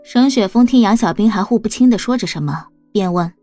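Calm woman reading a storybook. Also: medium pitch, fairly quick, faint music behind. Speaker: audiobook narrator. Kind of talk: storybook narration.

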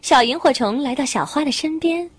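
A woman's voice: sits high, a little fast. A woman narrating a children's story in a simple sing-song way, as if reading to a toddler. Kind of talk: scripted storytelling for young children. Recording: music behind the voice. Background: background music.

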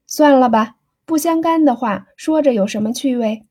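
A woman's voice: sits high, moderate pace, dark tone. A woman voicing a chatty, easily flustered young married woman in an audiobook reading, playful and evasive.

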